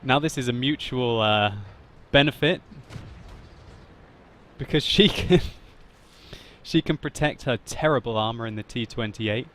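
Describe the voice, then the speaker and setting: A man narrating his own tank battle gameplay as a voice-over commentary, laughing often and getting loud and excited at big moments. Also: mid-range voice, normal speed, hardly any pauses, slight background noise. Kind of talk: video game commentary voice-over.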